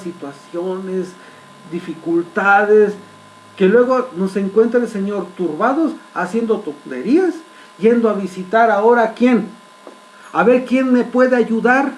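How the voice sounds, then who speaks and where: A man preaching a sermon, telling a story vividly and pausing often to ask his congregation rhetorical questions. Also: sits high, slight background noise, poor audio. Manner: vivid storytelling with dramatic pauses.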